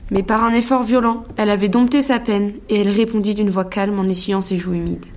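A woman giving a measured, scripted narration of a classic story. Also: mid-range voice, steady tone.

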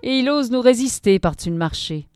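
A man's voice: very high voice, expressive, a little fast, clean tone, dry recording, studio quality, pitched above the performer's own voice. A woman voicing a cruel young gang leader who sneers and hurls insults. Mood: mocking.

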